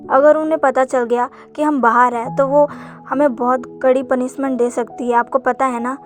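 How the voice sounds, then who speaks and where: A woman's voice: high-pitched, level tone, moderate pace, soft background music, natural voice. A woman voicing a loyal, prickly young male servant in a fanfic story retelling, in a scolding tone.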